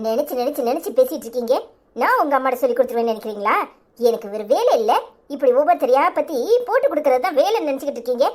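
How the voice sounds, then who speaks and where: A performer voicing a fed-up young wife in a cartoon comedy, speaking with a Tirunelveli Tamil accent. She scolds hard in a high voice that rises and falls a lot. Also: animated, racing, a little mellow. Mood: indignant. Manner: scolding, indignant.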